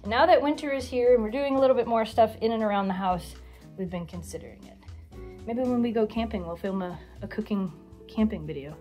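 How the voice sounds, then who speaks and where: A woman's voice: on the high side, fairly quick, faint music behind. A woman in her forties chatting playfully to camera while filming in her home kitchen. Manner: chatty and playful, lively rising questions. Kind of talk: casual chat to camera.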